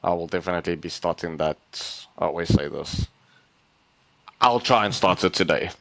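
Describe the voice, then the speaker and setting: A man with a very deep voice talks in easygoing podcast chat. He sounds earnest and enthusiastic, padding his thoughts with fillers as he goes. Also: moderate pace, creaky, fairly bright tone, no echo, rough recording. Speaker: podcast co-host.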